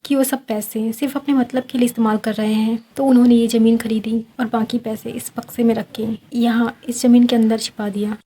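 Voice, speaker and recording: A woman's voice: a little high, mellow. A woman voicing a scheming young man who mocks a girl to get a magic locket. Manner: mocking, smooth-talking.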